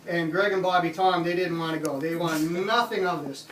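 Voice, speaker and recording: A man's voice: on the high side, fairly quick, slight background noise. Laughing man telling a story, roomy distant sound. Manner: laughing often, animated retelling. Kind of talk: casual spoken anecdote. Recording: roomy, distant mic with background ambience.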